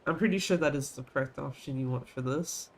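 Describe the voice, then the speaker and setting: A man's voice: mid-range voice, a little fast. A man giving casual commentary as he streams a video game. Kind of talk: casual gameplay commentary, reading game dialogue aloud. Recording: clear background noise.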